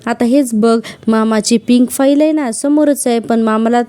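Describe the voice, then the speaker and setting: A woman's voice: on the high side, moderate pace, dark tone, clear, resonant tone, lightly acted. A woman voicing a playful young wife who teases her husband in a sing-song voice, talking to a baby. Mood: teasing.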